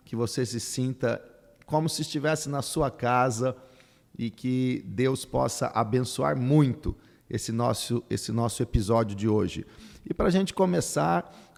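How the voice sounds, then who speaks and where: An older man, a pastor hosting a podcast, who opens with a slow, solemn prayer and welcomes his guest. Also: medium pitch, vocal fry, darkish tone, in a large hall.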